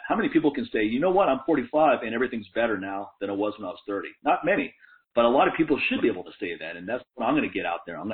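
Fast-talking emphatic man in his forties. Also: fairly low pitch. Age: 40s. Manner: emphatic, self-assured, swears. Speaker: podcast co-host, fitness coach. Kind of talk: casual podcast chat. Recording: narrow phone-like audio.

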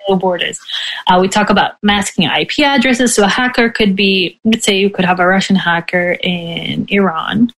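A woman's voice: medium pitch, normal speed, rough recording. Woman professor explaining with light laughs. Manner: explanatory, frequent soft laughs and "right?" tags. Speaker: professor, guest. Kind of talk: conversational interview.

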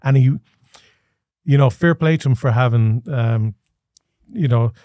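An Irish man in his forties, medium-pitched and mellow, tells his own story unhurriedly with the easy pace of a podcast host. He's thoughtful, often restarts mid-phrase and fills pauses. The recording is close and dry, with no room sound.

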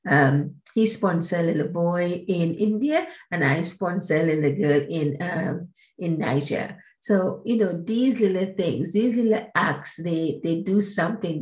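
Earnest woman podcaster with a gravelly edge. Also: lowish voice, a little mellow, reverberant. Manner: earnest, encouraging, repetitive phrasing. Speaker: podcast host and life coach. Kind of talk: solo podcast monologue.

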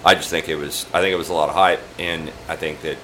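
Deep-voiced man swapping bar stories. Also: fairly even intonation, fast, bright, forceful tone, slight background noise, poor audio. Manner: profane, laid-back storytelling. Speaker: bar owner and host. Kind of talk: casual chat over drinks.

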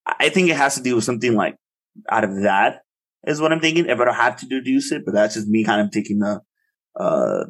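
A man's voice: lowish voice, breathy edge. Rambling young man chatting on a podcast. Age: young adult. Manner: rambling, hesitant, full of fillers and restarts. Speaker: podcast co-host. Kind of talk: casual chat.

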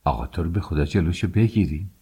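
A man's voice: deep voice, lively intonation, mellow, breathy edge, full character voice. A man reading an audiobook, voicing a distraught middle-aged mother who laments and pleads. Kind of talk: audiobook character voice.

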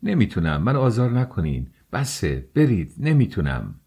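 A man's voice: deep voice, sing-song, darkish tone. A man voicing a feverish, bitter young man in an audiobook, curt and angry. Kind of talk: audiobook character voice.

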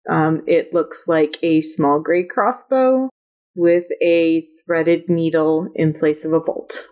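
A woman narrating as game master of a tabletop game, laughing often and pausing on fillers. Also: deep voice, a little mellow. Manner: laughing, halting, with many fillers.

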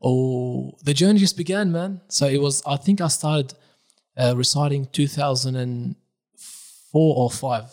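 In an easygoing podcast conversation, a young man from Iraq who recites religious texts shares his life story, dropping in bits of Arabic. His mid-range voice moves at an unhurried pace.

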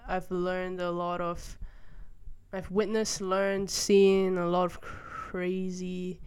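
A woman's voice: lowish voice, level tone, takes it slowly, a little mellow, clean tone. A young woman from Malaysia hosting a solo podcast, talking through her views in a thoughtful, hesitant way with many fillers and restarts, sitting by a window. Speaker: podcast host. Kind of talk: casual solo monologue. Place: room by a window, rain outside.

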